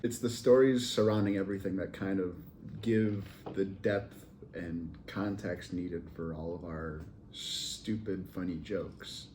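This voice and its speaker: A man's voice: low-pitched, fairly even intonation, a little slow, background noise. A young man with a Wisconsin accent telling wry stories in a casual chat with a bandmate. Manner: laid-back, wry storyteller. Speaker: college band member.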